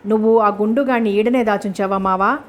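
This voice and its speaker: A woman's voice: mid-range voice, fairly even intonation, brisk, natural voice. A woman voicing an anxious young village woman who speaks rustic dialect and urges her companion on, in a storybook reading. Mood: worried. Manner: worried, coaxing, rustic speech.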